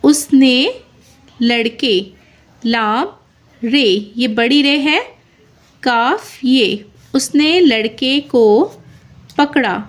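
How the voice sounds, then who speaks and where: A woman's voice: sits high, drawn-out words, pauses often. A woman teaching handwriting, dictating a story word by word and naming each letter as she writes it. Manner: spells each word letter by letter, then repeats it. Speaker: Urdu writing teacher. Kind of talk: slow dictation lesson, spelling out letters.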